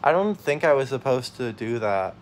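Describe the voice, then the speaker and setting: This young let's play host speaks at a normal speed in a mid-range voice, casually narrating his game. He gets excitable, letting out yelps and laughter whenever things go wrong for him.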